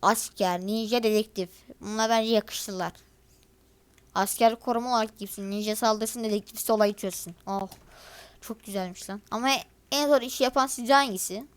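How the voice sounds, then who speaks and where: Chatty young gamer, high voice. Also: female voice, moderate pace. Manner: chatty, grumbling and exasperated, addresses viewers directly. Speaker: gaming video creator. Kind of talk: casual gameplay commentary.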